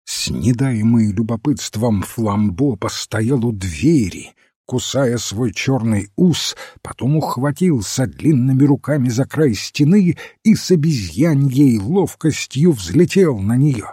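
Brief: male audiobook narrator, unhurried and dark-toned, close dry sound. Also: medium pitch, lively intonation, breathy edge, no echo. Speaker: audiobook reader. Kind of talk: scripted narration of a detective story.

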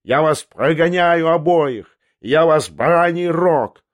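A man's voice: a little high, big pitch swings, measured pace, voice pushed up. A man reading an audiobook, voicing a spiteful, jittery young swindler who snaps impatiently. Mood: furious. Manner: snapping, impatient.

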